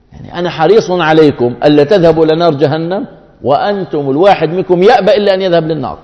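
A man's voice: on the high side, a little mellow. A man preaching a sermon to his brothers, emphatic, repeating key phrases to press his point. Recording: dull sound with long hall echo.

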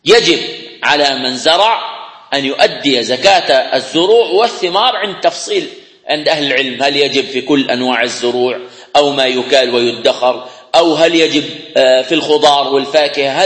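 A man's voice: a little high, a bit bright. A man teaching a religious lesson, explaining texts step by step, repeating key phrases and rising to emphatic stresses. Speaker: Islamic scholar teaching hadith. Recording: echoey hall reverb.

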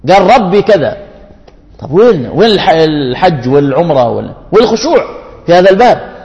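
A man's voice: a little high, big pitch swings, fast, vocal fry, darkish tone, muffled recording. A man preaching a sermon, speaking earnestly to his brothers in faith and posing rhetorical questions between stories. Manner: earnest, addresses the congregation with rhetorical questions and anecdotes. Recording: long hall reverb.

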